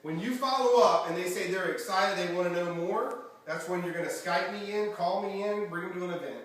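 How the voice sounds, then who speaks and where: A man giving an energetic motivational seminar talk as a network marketing trainer, quizzing the audience with questions. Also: high voice, fairly quick. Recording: echoey room from far off, faint background noise.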